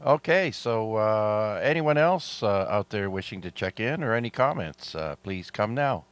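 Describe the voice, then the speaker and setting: A man's voice: on the low side, expressive, a little slow, smooth. A middle-aged man from Canada hosting an amateur radio net, chatting easily with many fillers and a slightly sore throat. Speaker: net control host.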